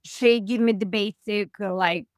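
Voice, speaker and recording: Russian-accented woman, 40s, guest over video call; halting, filler-heavy, clear, dry. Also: medium pitch, steady tone, dry recording. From Russia (far east). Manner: halting, many "like" fillers, simplified grammar.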